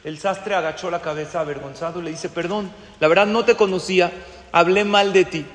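A man gives a sermon as a rabbi, his voice pitched high. He asks his listeners questions and acts out the voices of the people in his story. The sound carries a long reverb, as if the class was recorded in a hall. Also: steady tone, fairly quick.

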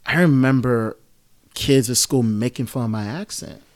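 A Nigerian man in his thirties, appearing as a guest, talks casually and reflectively in conversation, rambling with lots of fillers and restarts. His voice is mid-range at a normal speed.

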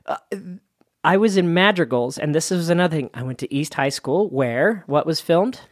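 This man in his late thirties, a wedding DJ from Salt Lake City, Utah, chats as a guest with a fairly high, expressive voice at a moderate pace. He's playful and chatty, telling stories and dropping names. The studio-quality recording has no echo.

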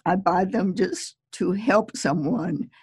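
A woman talks slowly through advice for new poets, and her voice has a husky, slightly breathy grain. The recording is close and dry, with no room sound. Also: fairly low pitch, darkish tone, no echo. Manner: slow, measured and chatty, with small laughs. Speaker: poet giving advice, podcast guest. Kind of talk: relaxed conversational advice.

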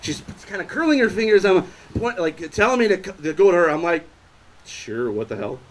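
Animated, rambling young man telling a story on stage. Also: sits high, fast, rough recording. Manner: rambling, self-interrupting, animated. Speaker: stand-up comedian. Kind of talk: stand-up storytelling. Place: bar stage, live show.

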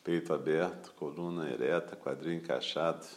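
A teacher with a Brazilian Portuguese accent leads a guided meditation in a bass voice. He stays calm and unhurried, using brief phrases separated by pauses.

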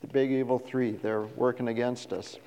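Animated male pastor preaching in a hall. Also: mid-range voice, moderate pace, a little hiss or hum. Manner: animated, acts out quoted voices, asks the congregation questions. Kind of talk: sermon. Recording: reverberant hall.

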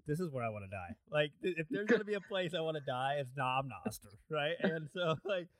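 A man's voice: a little high, lively intonation, fairly quick, fairly bright tone, no room sound. Rambling, laughing young man, dry close mic. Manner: rambling storyteller, laughs a lot, fillers. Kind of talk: casual chat.

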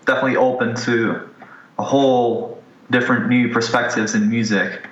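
A man's voice: mid-range voice, flat delivery, moderate pace, a bit bright. A man in his twenties from Ukraine, a musician talking candidly and casually in an interview, swearing now and then. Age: 20s. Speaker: guest musician. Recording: dull, roomy recording.

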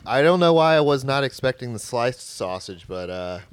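A man's voice: medium pitch, expressive, moderate pace, clear, resonant tone, no room sound. A young man hosting a podcast, laid-back and joking, swearing casually as they eat. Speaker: podcast host. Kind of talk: casual chat.

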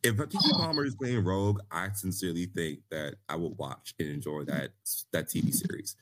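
A man's voice: sits low, moderate pace, fairly bright tone, dry recording. A man co-hosting a casual chat, laughing often and joking. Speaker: podcast co-host.

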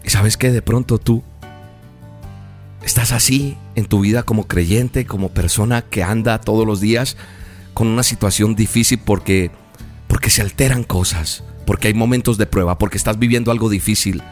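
A man preaching a sermon, retelling a story vividly with dramatic pauses. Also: on the low side, fairly even intonation. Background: soft music.

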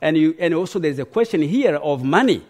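A middle-aged man gives a formal lecture as a mission historian, speaking in a measured, deliberate way with frequent hesitations. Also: on the high side, animated, darkish tone.

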